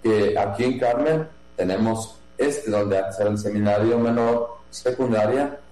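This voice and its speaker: A man from Jalisco, a priest who runs a seminary, answering interview questions slowly, with many pauses, fillers and restarts. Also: fairly low pitch, mellow. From Mexico, Jalisco. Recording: echoey room with mains hum.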